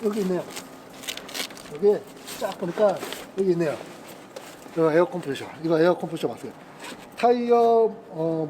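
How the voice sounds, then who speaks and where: A man's voice: fairly high pitch, noisy background. A middle-aged man hosting a casual car demonstration, chatty and exclaiming, grumbling at carmakers as he shows the gear. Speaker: car channel host. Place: outdoors in a parking lot beside cars.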